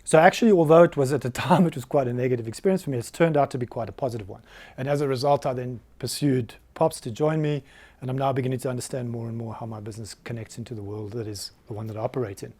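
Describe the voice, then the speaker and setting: A South African man in his late forties speaks to a roomful of people at a medium pitch. He talks in a candid, self-mocking way and with plenty of energy. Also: fast, darkish tone, slightly rough. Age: 40s. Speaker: business founder giving a talk. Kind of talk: live presentation to an audience. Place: meeting room with audience.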